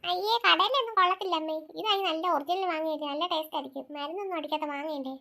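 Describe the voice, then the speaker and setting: A woman's voice: extremely high pitch, racing, vocal fry, pushed and bright, full character voice. A woman voicing a selfish young girl in a family cartoon, who teases smugly. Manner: smug, teasing.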